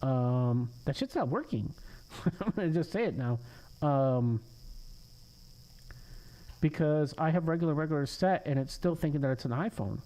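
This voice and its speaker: A man's voice: on the high side, a little slow, long pauses, dark tone, rough recording. A man hosting a live coding stream, thinking aloud as he works, frustrated and cursing under his breath. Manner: frustrated, swearing, muttering to himself. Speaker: coding livestream host.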